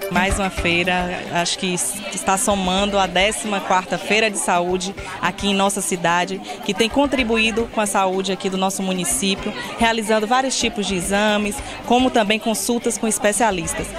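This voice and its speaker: A woman's voice: medium pitch, fairly even intonation, moderate pace, few pauses, over music, a crowd in the background. A woman in her thirties giving a composed, formal statement into a handheld mic outdoors. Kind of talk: on-camera statement. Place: outdoors at a crowded health fair. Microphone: handheld reporter mic.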